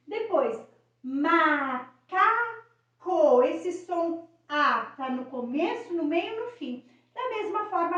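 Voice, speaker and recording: Woman educator, high voice, patient lesson delivery with sounded-out syllables, distant and dull sound in a strongly echoing room. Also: a bit bright. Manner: slow, stretched-out syllables when modeling words for children; frequent tag questions and checking in with the viewer. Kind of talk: teaching video lesson. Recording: echoey, dull audio from a distance.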